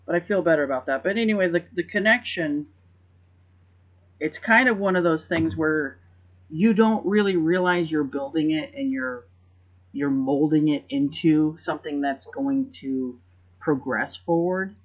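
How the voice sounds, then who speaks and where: A man's voice: on the high side, unhurried, narrow, tinny audio. A man hosting a podcast in casual chat, rambling and reflective and often repeating words as he thinks. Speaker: podcast host.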